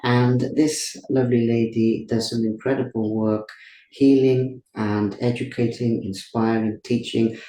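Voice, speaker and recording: A Welsh-accented podcast host is effusive and grateful in his introductions and questions, thanking his guest at length. He speaks a little slowly at medium pitch, with a dark tone and little pitch movement, in an echoey room with faint hiss.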